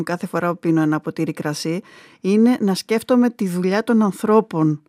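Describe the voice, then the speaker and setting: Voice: medium pitch, a little mellow, no room sound. Radio host asking guests stuff, lots of mm-hmms, dry studio sound. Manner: attentive, many murmured agreements. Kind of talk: radio interview.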